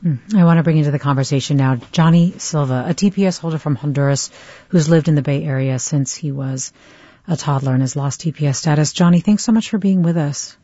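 A woman's voice: low-pitched, fairly quick, warm tone, no room sound, muffled recording. A woman hosting a news interview, asking short, direct questions. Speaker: host.

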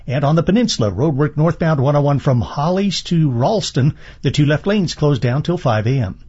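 A man reading a radio traffic report in a rapid, even delivery. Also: fairly high pitch, husky, dull audio.

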